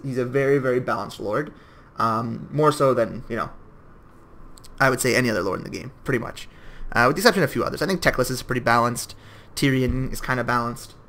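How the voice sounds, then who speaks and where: A man's voice: medium pitch, fairly bright tone. A young man giving casual, rambling commentary over a strategy game battle, with jokey self-mocking asides. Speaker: gameplay commentator.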